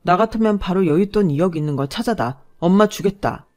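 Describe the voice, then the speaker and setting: A woman's voice: on the low side, expressive, fairly quick, darkish tone, natural voice. A woman voicing a greedy young man who lectures his fiancée dismissively in a told story.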